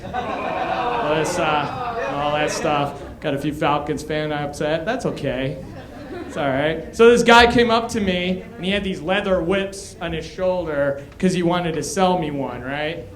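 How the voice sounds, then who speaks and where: High-voiced man doing stand-up. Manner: loud, punchy delivery with crowd work. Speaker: stand-up comic. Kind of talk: stand-up comedy set. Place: comedy club stage. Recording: echoey club room. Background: audience laughter.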